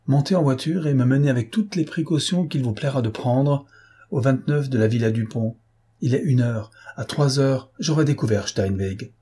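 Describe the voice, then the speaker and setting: Man reading a cool, mocking gentleman thief. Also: mid-range voice, normal speed, husky, lightly acted. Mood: ironic. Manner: dry, mocking irony.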